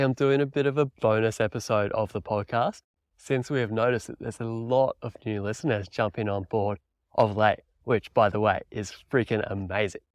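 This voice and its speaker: With no room sound in the recording, an Australian man in his 30s hosts a casual solo podcast in a lowish voice. He coaches mountain biking and comes across as enthusiastic, upbeat, and easygoing.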